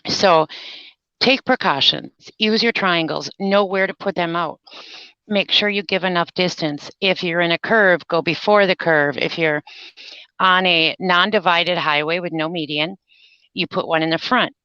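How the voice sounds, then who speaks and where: A woman's voice: on the low side, a little slow, bright, forceful tone, clear, resonant tone, dry recording, highs cut off. A middle-aged woman with an Upper Midwest American accent, giving casual advice in a folksy, plain-spoken, emphatic way. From Minnesota, United States. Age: middle-aged or older. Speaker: trucker giving safety tips, guest.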